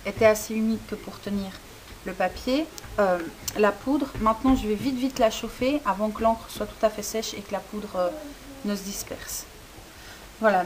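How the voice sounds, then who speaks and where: A woman's voice: fairly high pitch, a little mellow, poor audio. A woman hosting a crafting tutorial, explaining each step in a chatty way with frequent hesitations. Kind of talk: casual demonstration tutorial. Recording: faint hiss.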